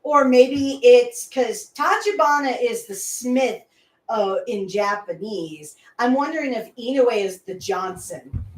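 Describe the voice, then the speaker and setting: A woman co-hosting a casual livestream discussion, animated and teasing. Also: fairly high pitch, slow, recorded from a distance. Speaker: co-host. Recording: echoey room, off the mic.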